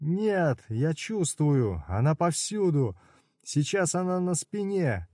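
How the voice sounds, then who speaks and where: Brief: a male reader plays a frantic hot-tempered man in agony, yelling high and shrill, storybook reading, dry sound. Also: big pitch swings, slow, no echo, exaggerated voice.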